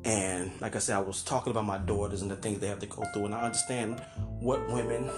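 Man, middle-aged, podcast host, profane, animated, acts out quotes, music behind. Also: on the low side, quick pace. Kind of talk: casual storytelling monologue.

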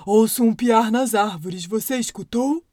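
A big hungry monster drawls in a dark, husky voice. He is gruff and slow-witted, easily fooled, speaking close and dry against soft music. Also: fairly high pitch, no room sound.

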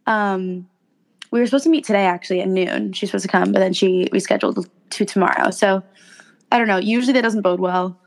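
A young woman co-hosting a casual chat, with a raspy voice from being sick and slangy talk full of "like". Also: medium pitch, brisk. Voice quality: smoker-like rasp. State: sick with a cough, voice roughened. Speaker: podcast co-host.

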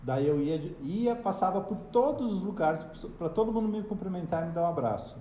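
High-voiced Brazilian man, campy chat. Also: lively intonation, fairly quick, warm tone, a little hiss or hum. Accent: Brazilian Portuguese. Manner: dramatic, exasperated storytelling with campy slang. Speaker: podcast host. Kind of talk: casual podcast chat. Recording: roomy echo.

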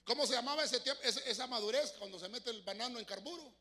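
A man preaching a fervent sermon in church, swinging from shouts to soft asides. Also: extremely high pitch, fast talker. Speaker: pastor.

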